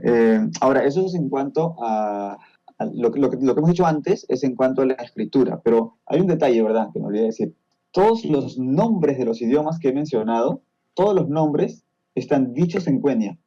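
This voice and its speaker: On a lo-fi podcast recording, a Peruvian man with a Peruvian Spanish accent talks at a moderate pace in a medium-pitched, warm voice with a breathy edge and lively intonation. As a guest expert on Tolkien's languages, he explains things step by step, frequently making sure the listener keeps up.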